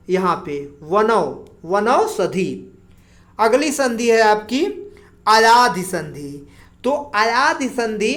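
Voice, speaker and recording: A woman teacher explaining grammar slowly for exam preparation, drawing out single sounds as she goes. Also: fairly high pitch. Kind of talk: exam-prep grammar lesson.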